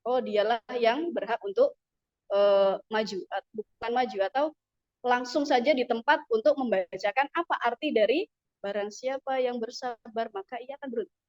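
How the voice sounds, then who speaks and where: A woman's voice: on the high side, moderate pace, a little mellow, highs cut off. A woman teaching an Arabic class, patiently explaining the rules and modelling pronunciation. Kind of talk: classroom instruction.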